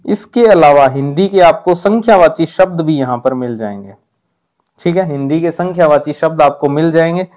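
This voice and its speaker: A man's voice: a little high, expressive, normal speed, darkish tone. A man giving an exam-prep grammar lesson. He drills correct and incorrect forms and checks in with "ठीक है" after nearly every point. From Rajasthan. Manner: repeats points with frequent "ठीक है" check-ins; drills correct pronunciations, contrasting right and wrong forms. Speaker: teacher.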